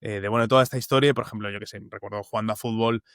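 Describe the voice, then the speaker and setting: A man's voice: fairly low pitch, steady tone, rapid-fire, fairly bright tone, clean tone, no echo, studio quality. A young man from Uruguay with a Spanish accent from the Valencia area, a journalist talking as a guest in a casual interview, thoughtful and full of fillers and restarts.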